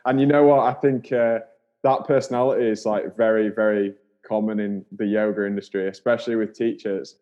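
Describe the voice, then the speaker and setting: A man's voice: fairly low pitch, steady tone, a little fast, mellow, muffled recording. A man hosting a podcast, talking in a friendly, chatty way and laughing easily. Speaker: podcast host. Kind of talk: casual interview.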